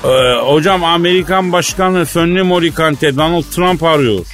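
A man's voice: fairly high pitch, normal speed, faint music behind. Playful male radio comedy host. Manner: playful deadpan straight man, mock-formal.

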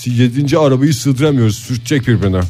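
A man with a mid-range voice hosts a morning radio show. He trades jokes in a dry, deadpan way, often in a mock-official tone. Faint music plays behind him in the studio. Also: mid-range voice, fast talker. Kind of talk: casual radio banter.

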